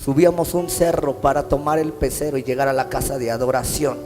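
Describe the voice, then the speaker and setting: A Mexican man preaching a sermon as pastor, impassioned, his phrases swelling into sung, drawn-out lines. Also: medium pitch, little pitch movement, mellow. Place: church hall. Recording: long church-hall reverb with faint instrumental music.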